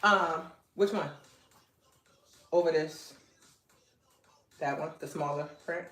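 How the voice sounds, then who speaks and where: A woman's voice: low-pitched, slow pace, soft background music. A woman with a Gullah Geechee accent, hosting a casual live-stream fashion chat at home and teasing her husband between points. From Beaufort, South Carolina, USA. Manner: animated, chatty, teasing asides to her husband. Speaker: clothing brand owner hosting a live stream. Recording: echoey room.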